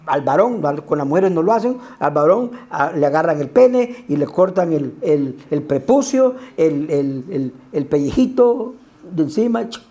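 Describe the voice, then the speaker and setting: A pastor preaching a sermon, animated and full of rhetorical asides to the congregation. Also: male voice, high voice.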